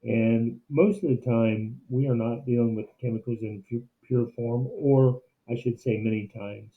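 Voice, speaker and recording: A man's voice: medium pitch, fairly even intonation, measured pace. A man giving an instructional screencast demo like a teacher, explaining things step by step. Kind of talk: instructional screencast narration, semi-scripted. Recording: muffled, narrow phone-like sound.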